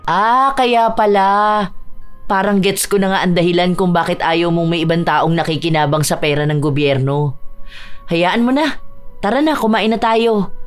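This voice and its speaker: A woman voicing a calm, motherly female coworker who settles quarrels firmly and kindly. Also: lowish voice, moderate pace, faint music behind, natural voice. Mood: easygoing. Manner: firm, soothing peacemaker.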